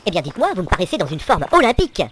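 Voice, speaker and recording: An actor playing a fussy, excitable male neighbor who rambles nervously in a high voice. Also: rapid-fire, background noise.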